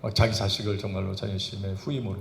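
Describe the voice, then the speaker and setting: A man's voice: fairly low pitch, level tone, quick pace, gravelly, a little hiss or hum. A male pastor preaching a Sunday sermon, firing rhetorical questions at the congregation with emphatic bursts. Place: church sanctuary. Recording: roomy church reverb.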